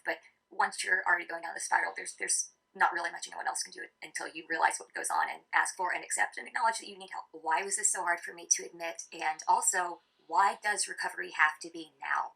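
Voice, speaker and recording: A woman's voice: on the low side, gravelly, sharp tone, breathy edge, rough recording. A woman in her thirties speaking candidly to the camera in an earnest, confiding personal monologue. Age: 30s. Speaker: vlogger.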